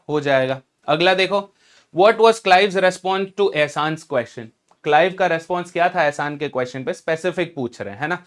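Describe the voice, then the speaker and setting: A man teaching exam strategy in a casual, emphatic lecture, mixing in English and asking rhetorical questions. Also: sits high.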